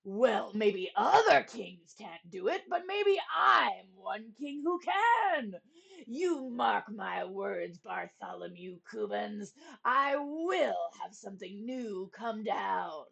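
Woman playing a short-tempered storybook king, booming, high-pitched and shouty. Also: very animated, measured pace, hardly any pauses, exaggerated voice. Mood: defiant. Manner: bellowing, growling, shouting. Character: blustering angry old male king.

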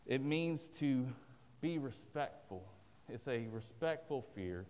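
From the pulpit of a big church sanctuary, a man with a Southern accent gives a plain, earnest sermon, slow and expressive, his medium-pitched voice a little mellow. Long hall reverb surrounds it, and a distant camera films him.

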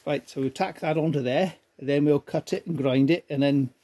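A man with a fairly high, warm voice does a slow, self-mocking welding demo, an amateur car restorer narrating each step from a cluttered home garage workshop.

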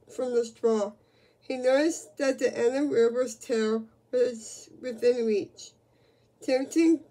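A woman's voice: high voice, warm tone. A woman reading a children's book aloud, with frequent slips and restarts.

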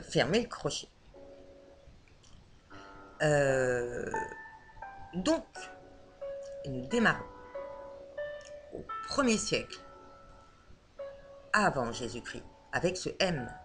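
A woman's voice: deep voice, expressive, slow pace, long pauses, music in the background. A woman teaching a lesson on Old French, explaining patiently with frequent hesitations.

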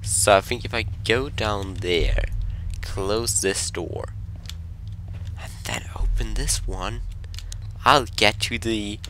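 A man's voice: on the low side, slow pace, long pauses, pushed and bright, a little hiss or hum. A man commentating his own horror game play, jumpy and talking to himself, sometimes dropping to a whisper when scared. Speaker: gameplay commentator.

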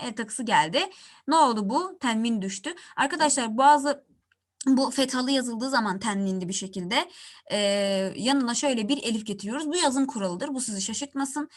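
A woman teaching an Arabic grammar lesson in Turkish, who asks her students questions and answers them herself, and slows down to pronounce each example word. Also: a little high, fairly bright tone.

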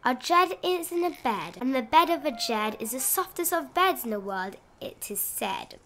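A storybook narrator with a high-sitting voice, she reads a rhyming bedtime picture book for children. Her read-aloud style is expressive and sing-song, drawing out words for emphasis.

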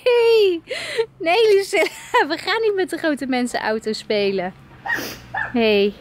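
Speaking slowly in a very high voice, this twenty-something mother and family vlogger sing-songs to coax her toddler and laughs a lot. She films both indoors at home and outside on the street.

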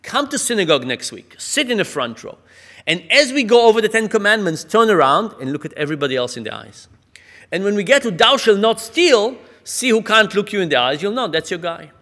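A man's voice: sits high, very animated, a little fast, bright, forceful tone, pitched above the performer's own voice, heavily acted. A man voicing a sympathetic rabbi who gives practical advice, within a joke. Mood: consoling. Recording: echoey conference hall.

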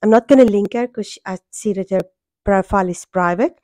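A middle-aged South African woman with a hoarse voice worn by a cold, chatting casually in a home vlog. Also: medium pitch, fairly quick, dark tone, no echo. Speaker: sewing vlogger. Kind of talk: casual vlog chat to camera. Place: small furnished room at home, indoors. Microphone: small microphone held near the mouth.

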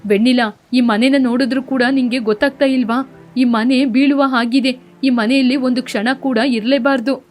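A woman's voice: high voice, fairly even intonation, normal speed, faint music behind, natural voice. A woman voicing a worried, caring young husband who urges and comforts his wife in a cartoon story. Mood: anxious. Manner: urgent, comforting.

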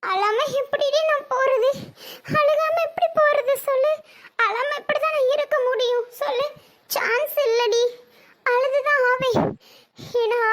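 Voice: very high voice, fairly bright tone. A performer voicing a tearful young bride, talking in sobbing complaints. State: crying. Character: tearful young bride facing a second marriage.

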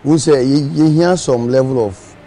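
A man's voice: medium pitch, normal speed, warm tone, a little hiss or hum. A man speaking casually about politics, hesitant and often repeating his words.

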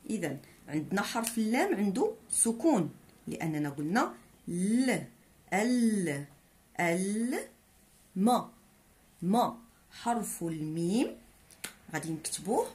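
A woman with a Moroccan accent leads a writing lesson. She names each letter and sounds out syllables several times over. Her pitch moves up and down a lot as she talks. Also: darkish tone. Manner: slow, spells letters out and repeats syllables. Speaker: teacher. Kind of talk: handwriting lesson, spelling aloud.

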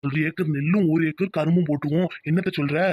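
A man's voice: on the high side, steady tone, fast talker, no room sound, highs cut off. A man voicing a reassuring village father in a cartoon series.

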